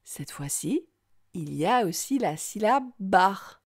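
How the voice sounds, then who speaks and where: Patient woman teacher, slow and sing-song, reading lesson for small children. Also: medium pitch, expressive, breathy edge.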